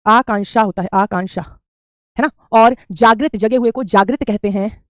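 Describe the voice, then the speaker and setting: A woman's voice: medium pitch, normal speed, dry recording, clean studio sound. A woman, teaching Hindi spelling in an online class, repeating each word and calling students beta. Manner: repetitive drilling, calls students beta.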